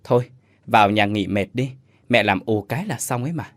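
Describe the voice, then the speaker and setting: A man voicing a gentle old village grandmother who talks in a soothing, affectionate way. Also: fairly low pitch, lively intonation, fairly quick, no echo, clean studio sound. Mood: cheerful.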